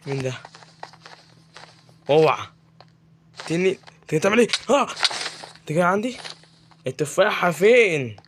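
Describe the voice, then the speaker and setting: In a high, sing-song voice at a moderate pace with long pauses, a young gaming YouTuber chats and jokes through his video game, questioning the mobs as if in an interview. He has an Egyptian Arabic accent, and slight background noise is present.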